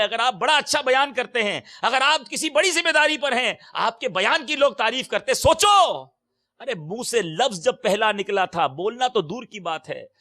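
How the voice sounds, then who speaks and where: A man delivering an impassioned sermon, full of emphatic exclamations, swinging between loud and soft. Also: sits high. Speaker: preacher. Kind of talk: Urdu sermon.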